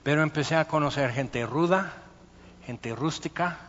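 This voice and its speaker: A man, a pastor preaching a sermon and telling stories with lively, acted-out voices. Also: a little high, moderate pace, slight background noise. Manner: animated storytelling, acting out voices. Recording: muffled sound with long hall reverb.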